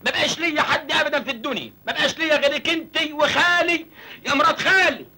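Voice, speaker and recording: A man's voice: very high voice, quick pace, sharp tone, exaggerated voice. An actor playing a cheeky, hungry young country nephew who jokes his way through everything. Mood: self-pitying. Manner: joking, cheeky. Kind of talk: Egyptian comedy film acting.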